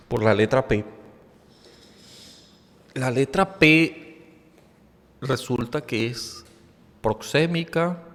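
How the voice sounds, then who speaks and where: Slow, halting man in a reverberant room. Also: medium pitch. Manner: halting, with many fillers and repeated words. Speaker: podcast host. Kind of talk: unscripted educational monologue. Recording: long hall reverb.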